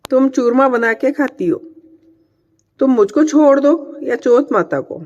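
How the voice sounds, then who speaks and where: A woman's voice: high voice, expressive, measured pace, a little mellow. A woman voicing a poor young woodcutter son in a told folk tale, with a plain storyteller's delivery. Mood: resentful. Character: young man, poor woodcutter son, stubborn then devout. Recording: dull lo-fi sound with long reverb.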